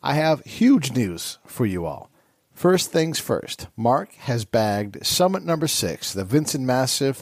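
A man's voice: mid-range voice, no echo, studio quality. Upbeat man reading a podcast intro. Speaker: guest host reading the show intro.

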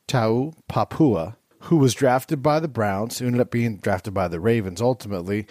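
A man's voice: mid-range voice, a little mellow, no echo, clean studio sound. A man filling in as host, reading a scripted podcast introduction in an upbeat announcer manner.

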